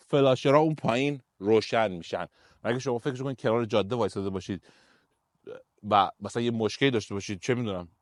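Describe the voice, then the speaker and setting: A man's voice: medium pitch, dry recording, clean studio sound. Chatty Iranian man reviewing a car. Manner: chatty, opinionated, pointing things out. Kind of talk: casual walkaround car review.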